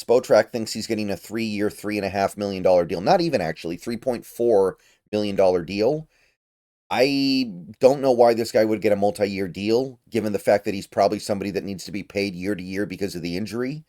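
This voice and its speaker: A man's voice: on the low side, brisk, dark tone. A tired man hosting his own sports channel, casually talking through player signings and hedging his opinions. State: tired, yawning. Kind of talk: casual sports analysis monologue.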